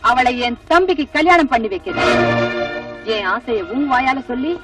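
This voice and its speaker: A scheming middle-aged stepmother, sly and domineering, her voice high and lively. She sounds distant on a film soundtrack with music behind her. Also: moderate pace. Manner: sly, pointed rhetorical questions. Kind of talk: Tamil film dialogue.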